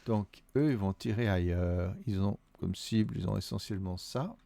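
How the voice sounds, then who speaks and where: Playing through a solo wargame on the board, this Vaudois-accented Swiss man mutters his counts and reasons aloud. He speaks at normal speed in a fairly low, gravelly, mellow voice, recorded without echo.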